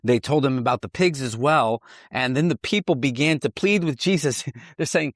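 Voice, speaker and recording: A man at a middle pitch teaches scripture in casual conversation, eager and full of quick restarts. His voice sounds close and dry despite the open-air setting. He keeps things lively and talky rather than preachy. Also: dry recording. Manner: animated explainer with frequent restarts. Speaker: Bible teacher host. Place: outdoors at ancient hilltop ruins.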